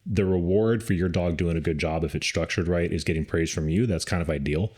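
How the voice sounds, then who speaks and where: Deep-voiced man chatting casually. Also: a little fast. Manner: relaxed, rambling with many fillers. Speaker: podcast co-host, dog rescue trainer. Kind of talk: casual conversational advice.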